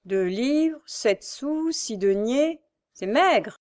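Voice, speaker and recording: A woman's voice: on the high side, expressive, very slow, a little mellow, pitched above the performer's own voice. Female reader as a coarse grumbling old mother, crafty and coaxing, storybook.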